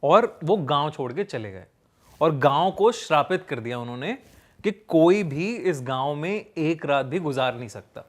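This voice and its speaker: A man casually telling a ghost story, pausing with fillers as he builds suspense. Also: fairly high pitch, expressive. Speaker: storyteller guest.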